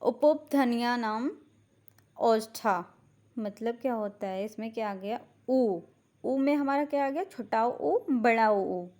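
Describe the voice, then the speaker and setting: A woman teacher giving a lecture, asking questions and answering them herself, spelling out syllables slowly one by one. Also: on the high side, dark tone. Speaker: Ayurveda teacher. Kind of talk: classroom lecture, Sanskrit grammar.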